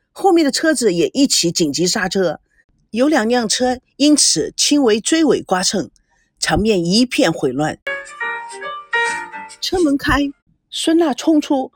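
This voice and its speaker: Lively, expressive woman storyteller. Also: mid-range voice, breathy edge, dry recording, studio quality. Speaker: narrator. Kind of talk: dramatic audiobook reading.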